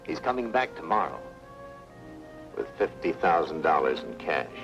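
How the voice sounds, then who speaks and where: A man's voice: a bass voice, big pitch swings, moderate pace, heavily acted. An actor playing a cold, demanding male villain plotting to take a bank. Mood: scheming. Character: scheming male villain, cold wealthy depositor. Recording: dull old TV soundtrack with music.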